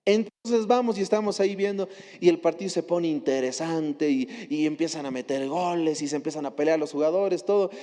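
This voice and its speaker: Bolivian guy preaching, mellow voice kinda high, long church echo. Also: fairly quick. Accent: Bolivian Spanish. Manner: storytelling with rhetorical questions, animated quotes. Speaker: lay preacher. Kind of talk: sermon. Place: church hall.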